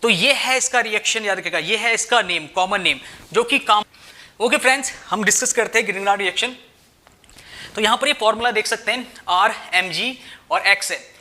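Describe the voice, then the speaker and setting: A man's voice: high voice, moderate pace, pushed and bright. A young man teaching chemistry, mixing Hindi and English, who keeps asking rhetorical questions and checking "theek hai" with his students. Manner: addresses students as "bhai". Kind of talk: explaining at a whiteboard, Hindi-English mix.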